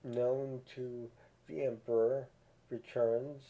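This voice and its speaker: A man giving a casual spoken review of a show, slow and halting, filling pauses with ums and restarting words. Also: medium pitch, level tone. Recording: tinny phone-like audio.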